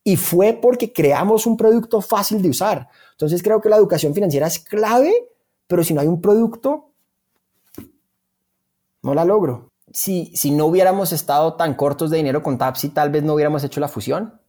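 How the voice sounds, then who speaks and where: This interview guest, a startup founder, speaks with a Colombian accent in a warm, slightly high voice at a moderate pace. He answers informally and conversationally, frequently repeating words to stress a point.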